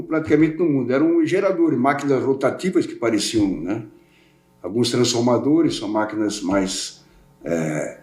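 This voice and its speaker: A man's voice: mid-range voice, darkish tone. Older man rambling in a roomy echo. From Portugal, raised in Brazil. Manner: rambling, repeats words and restarts. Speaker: podcast guest, welding specialist. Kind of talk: casual interview chat.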